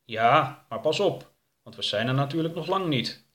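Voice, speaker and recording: A man's voice: mid-range voice, expressive, moderate pace, a bit bright, natural voice. A man voicing a self-assured older male politician in a storybook reading, earnest and self-satisfied.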